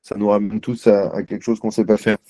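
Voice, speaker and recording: A man's voice: lowish voice, flat delivery, fairly quick, mellow, no echo. A man on a live video call, hesitant and self-deprecating as he struggles to share his screen. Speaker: guest journalist.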